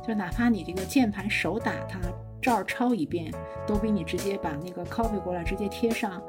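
A middle-aged woman professor, a podcast guest, explaining her habits in a measured, step-by-step way. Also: medium pitch, over music. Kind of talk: casual chat.

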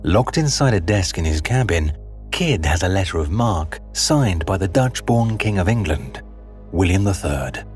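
A man giving scripted, dramatic documentary narration in a measured storytelling manner. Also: deep voice, expressive, faint music behind.

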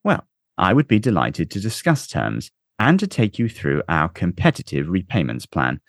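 Man voicing a silky menacing banker, polite, unhurried, deep voice. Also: huge pitch swings, creaky, dry recording, clean studio sound, exaggerated voice. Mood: smooth. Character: smooth, silky male banker, coolly menacing.

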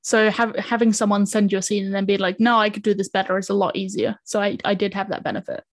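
A woman's voice: medium pitch, fast talker. Laughing woman with a Kiwi-English accent. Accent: mixed New Zealand and English. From New Zealand. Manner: lively, laughing, swears casually. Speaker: podcast co-creator and writer. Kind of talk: casual chat.

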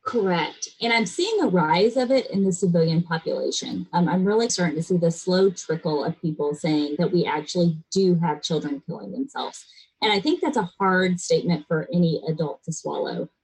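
Her voice is fairly low, darkish and slightly rough, captured in a rough recording. This middle-aged American woman, brought up in a military family abroad and in Florida, is earnest, blunt and emphatic during a serious conversational interview.

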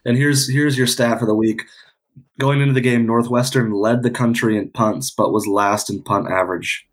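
A man co-hosting a casual sports chat, dropping quick one-liners and chuckling asides. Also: mid-range voice, fairly even intonation. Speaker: podcast co-host.

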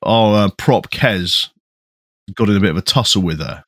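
A low-voiced man presents a chatty sports podcast. His tone is husky, with dry, bantering humour, and he is recorded close with very little room sound. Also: normal speed, fairly bright tone, no room sound. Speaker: podcast co-host. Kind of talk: casual panel chat and scripted introduction.

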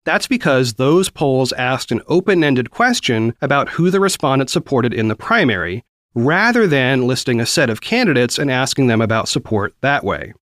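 Animated male news podcast host, dry sound. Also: mid-range voice, no echo. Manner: clear explanatory delivery with conversational asides. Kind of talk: news podcast narration, conversational explainer.

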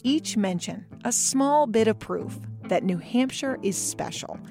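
A woman hosting and narrating a documentary podcast in a conversational, wry and lively way. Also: a little high, measured pace, music in the background. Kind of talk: scripted narration.

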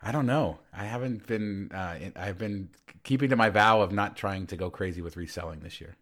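A man's voice: on the low side, fairly quick, fairly bright tone. A man hosting a podcast in a casual, conversational style. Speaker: podcast host.

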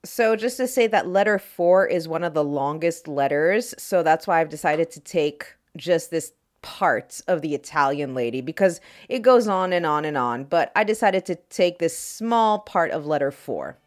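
A woman's voice: low voice, expressive, moderate pace, few pauses. A woman hosting a podcast in a casual, playful way, introducing readings, with a congested nose from allergies and breathing through her mouth. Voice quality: congested, stuffy-nosed. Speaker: podcast host and reader.

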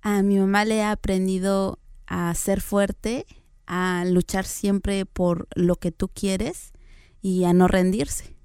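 A young woman from Oaxaca, Mexico, answering interview questions in a soft-spoken, hesitant way. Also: mid-range voice, level tone, slow pace, clear, resonant tone, no echo, studio quality. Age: young adult. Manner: soft-spoken, hesitant fillers, light laughs. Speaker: interview guest. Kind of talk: relaxed interview conversation.

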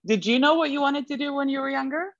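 A young woman raised in Sweden as an interview guest, reflective and quick to laugh. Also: high voice, dry recording, dull audio. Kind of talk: conversational interview.

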